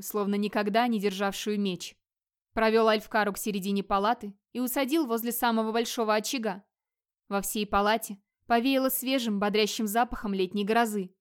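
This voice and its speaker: A woman narrating an audiobook in an even, measured storytelling manner. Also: a little high. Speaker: audiobook reader. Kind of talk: scripted narration.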